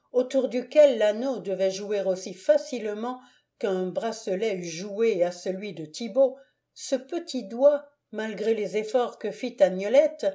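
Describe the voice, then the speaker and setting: A woman narrating a classic novel as an audiobook, in a measured, deliberate way. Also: mid-range voice, dark tone.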